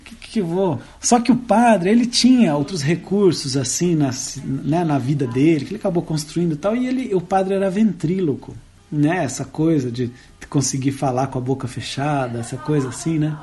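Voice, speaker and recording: Relaxed rambling man telling a folk tale. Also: fairly high pitch, normal speed, faint music behind. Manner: relaxed, rambling, many tag questions. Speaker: guest storyteller and guitarist. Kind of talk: folk tale told in casual chat.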